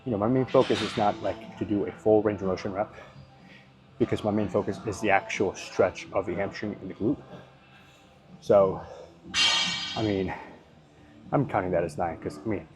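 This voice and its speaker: Low-voiced man rambling through a workout. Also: steady tone, moderate pace, long pauses, music in the background. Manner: rambling, thinks aloud, hedges and swears casually. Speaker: fitness vlogger. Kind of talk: casual workout commentary.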